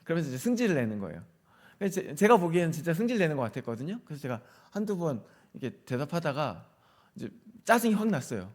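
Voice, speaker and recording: A middle-aged male pastor preaching in a relaxed, conversational way to a youth service. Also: fairly high pitch, fast talker. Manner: conversational, acts out quoted dialogue. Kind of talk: sermon.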